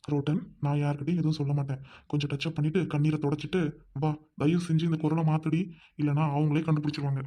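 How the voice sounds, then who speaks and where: A man voicing a loyal young groom in an amateur audio drama, scolding hard and then reassuring gently. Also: a little high, flat delivery, fast, close to an everyday voice.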